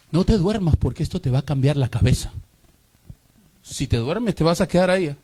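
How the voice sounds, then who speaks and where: A man's voice: a little high, mellow, a little hiss or hum. A male pastor preaching a sermon with call-and-response and rhetorical questions.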